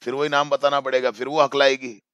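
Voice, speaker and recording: A male English teacher explaining a story line by line in a bilingual lesson. He reads the English slowly, then paraphrases it and repeats phrases for emphasis. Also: mid-range voice, little pitch movement, fairly bright tone, clean tone, dry recording, highs cut off.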